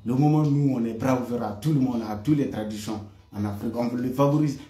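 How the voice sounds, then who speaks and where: A West African man, working as an online commentator, gives a heated, impassioned monologue to his viewers in a brisk, warm, medium-pitched voice. He repeats himself and often stammers on repeated words. The room he's in is echoey.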